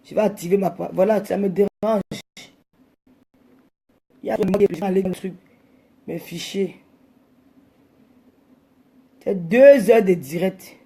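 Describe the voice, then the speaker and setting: A woman hosting a live stream, ranting and scolding her rivals combatively, sometimes shouting. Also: medium pitch, takes it slowly, creaky, pauses often.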